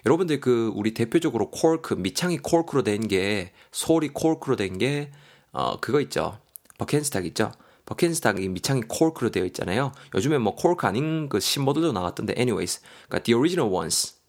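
A man teaching English vocabulary in a lively way, spelling out words letter by letter and repeating them. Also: mid-range voice, fairly quick. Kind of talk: language lesson.

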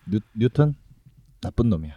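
A man in his thirties co-hosting a casual podcast chat, cracking deadpan dark jokes. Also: lowish voice, moderate pace, no room sound, narrow, tinny audio. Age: 30s. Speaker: podcast co-host.

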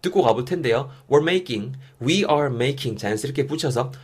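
A man's voice: medium pitch, a little fast, breathy edge. A man teaching an online English lesson, encouraging listeners and coaching them to repeat phrases.

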